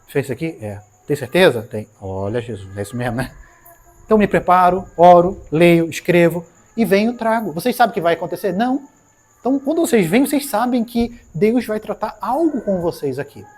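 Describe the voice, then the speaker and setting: Brief: Brazilian woman preacher, animated sermon, voice leaping all over, keeps questioning the crowd. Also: mid-range voice, husky. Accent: Brazilian Portuguese. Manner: animated, acts out dialogues, asks the audience questions.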